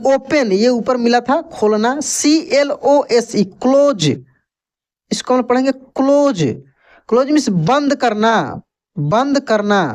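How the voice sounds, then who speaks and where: A man's voice: very high-pitched, a little mellow. A man teaching English vocabulary in a lesson, spelling each word letter by letter, then repeating it and its meaning patiently, often checking in with the listener.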